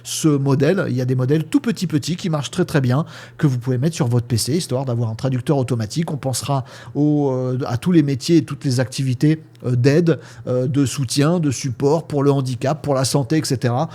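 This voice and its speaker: A man's voice: medium pitch, brisk, mellow. A man from France hosting a casual tech news review, chatty and hesitant with frequent fillers, speaking to viewers as friends.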